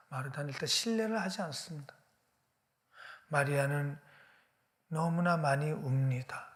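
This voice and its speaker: A man's voice: a little high, fairly bright tone. Man preaching, dramatic whispers. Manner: dramatic retelling, acting out quoted lines, dropping to whispers. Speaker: pastor. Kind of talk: sermon.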